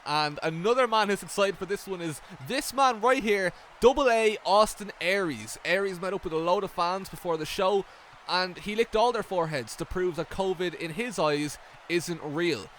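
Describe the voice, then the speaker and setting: A man doing mock wrestling commentary, hyped and stammering, with deadpan jokes. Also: high-pitched, normal speed, slight background noise.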